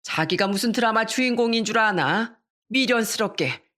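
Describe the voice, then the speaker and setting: Woman putting on a nasty older mother-in-law, sneery and mocking, gets loud. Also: on the high side, normal speed, pitched above the performer's own voice, natural voice. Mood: scornful. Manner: contemptuous, mocking.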